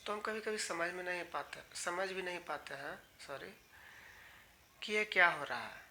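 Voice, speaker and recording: A man from India teaches an online English grammar lesson. His voice is bright and a little sharp. He explains patiently, speaks directly to his students and repeats each key word as he goes. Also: high voice, normal speed, a little hiss or hum.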